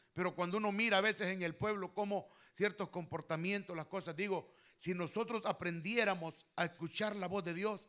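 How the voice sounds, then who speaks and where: Male pastor, fervent preacher, high bright voice. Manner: fervent preaching, swelling loud on key phrases, addresses listeners as brother. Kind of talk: sermon.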